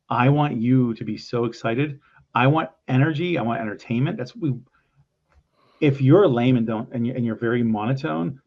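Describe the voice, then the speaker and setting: Gravelly man on a dull line. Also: mid-range voice. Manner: enthusiastic, salesy. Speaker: event organizer. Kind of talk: casual conversation.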